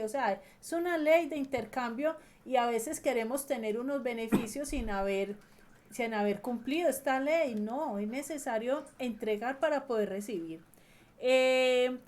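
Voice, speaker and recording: High-voiced woman preaching earnestly. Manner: earnest, slows and stresses key phrases, trails off softly at ends. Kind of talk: sermon.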